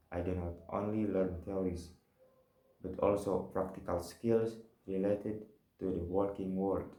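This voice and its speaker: A young man with an Indonesian accent reads a personal monologue for a class assignment, slow and careful in his phrasing. His voice sits very low and sounds mellow. The room around him adds a noticeable echo. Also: creaky. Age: young adult. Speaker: student. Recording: roomy echo.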